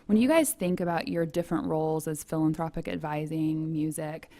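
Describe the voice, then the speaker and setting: Woman hosting a campus panel, kinda low voice, chatty and jokey about herself. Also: a little fast, mellow. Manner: chatty, self-deprecating, uses y'all. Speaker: panel moderator, career office director. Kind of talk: casual moderating of a panel.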